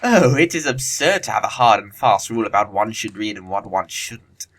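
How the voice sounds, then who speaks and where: In an audio play of a period comedy, a man plays a witty young English gentleman who likes to tease. His fairly low voice moves a little quickly with an arch, theatrical flair, sounding amused and probing.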